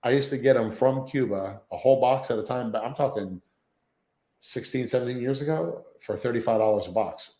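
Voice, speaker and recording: A man in his thirties, a guest telling profane, animated anecdotes in a casual interview, full of acted quotes. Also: mid-range voice, a little fast, reverberant, low-quality recording.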